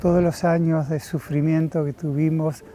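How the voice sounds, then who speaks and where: A man, speaking slowly and thoughtfully about his life, often pausing with filler sounds. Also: fairly high pitch, level tone, dark tone. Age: 70s. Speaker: interviewee. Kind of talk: reflective personal testimony.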